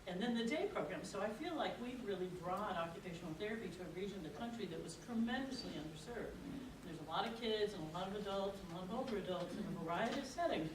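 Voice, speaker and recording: Older lady talking fast, folksy and rambly, echoey noisy room. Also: mid-range voice, expressive, recorded from a distance. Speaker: program faculty speaker. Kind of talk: informal orientation talk.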